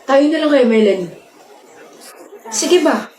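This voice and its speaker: Brief: young woman, animated skit delivery, raised pitch, roomy sound. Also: measured pace, slight background noise. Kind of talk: comedy skit acting. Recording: echoey room.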